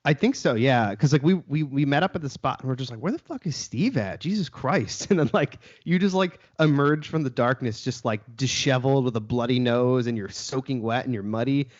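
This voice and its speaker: Laid-back podcast host, lo-fi sound. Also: male voice, medium pitch, a little fast, few pauses. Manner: laid-back, swears casually. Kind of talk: casual chat. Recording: dull lo-fi podcast audio.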